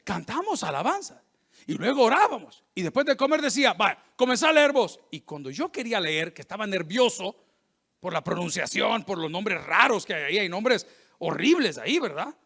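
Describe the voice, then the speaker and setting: A middle-aged man, a pastor preaching a sermon, joking and animated, acting out the voices of people he quotes. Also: high-pitched, moderate pace, vocal fry, husky.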